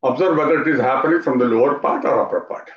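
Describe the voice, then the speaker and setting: A man with an Indian English accent, teaching an online yoga class, talking in an animated way, repeating phrases and asking his students questions. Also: medium pitch, fast talker. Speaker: yoga instructor. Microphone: video call. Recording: roomy, dull lo-fi video call audio.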